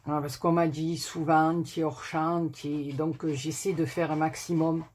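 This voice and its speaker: A woman's voice: deep voice, flat delivery, moderate pace, darkish tone. A woman from southern France hosting a chatty card-making tutorial at a small home desk, rambling and self-mocking with many fillers. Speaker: crafting channel host. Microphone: camera on tripod.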